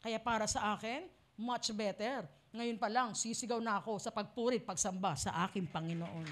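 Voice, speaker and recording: Speaking at a moderate pace in a mid-range voice, a Filipino-accented woman pastor delivers a sermon. Her preaching is dramatic, and she voices the cries of the lost herself.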